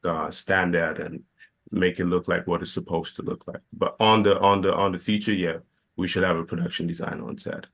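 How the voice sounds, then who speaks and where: A young man from Ghana, a filmmaker being interviewed, talking in a halting way with many fillers and restarts. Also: deep voice, fairly even intonation, fairly bright tone. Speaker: filmmaker guest. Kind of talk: casual interview.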